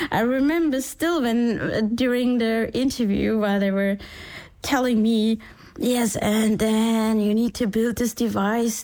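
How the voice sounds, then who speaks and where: Lively, fairly high-voiced woman in her forties. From Sri Lanka. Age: 40s. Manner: animated storytelling, acting out past voices, laughs easily. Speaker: engineer and startup founder. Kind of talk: relaxed conversational interview.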